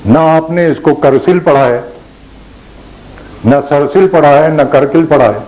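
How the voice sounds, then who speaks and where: An older man, a former college principal, giving a lecture with anecdotes and asking his listeners questions in a measured way. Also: a little high, a little mellow, rough recording. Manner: asks the audience questions, measured delivery.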